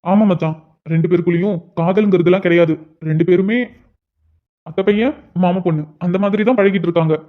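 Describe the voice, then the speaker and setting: A man's voice: sits high, a little fast, close to an everyday voice. A man voicing an earnest young man in a cartoon, talking to his friend about his troubled little sister. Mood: worried. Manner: earnest, pleading, calls his friend "machan". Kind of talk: cartoon voice acting. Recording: dull lo-fi sound.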